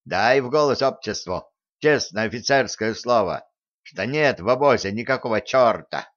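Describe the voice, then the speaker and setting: A man voicing bold, stubborn armed peasant men who shout back loudly and cheekily. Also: mid-range voice, animated, moderate pace, lightly acted. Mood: defiant, cheeky. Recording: slightly dull recording.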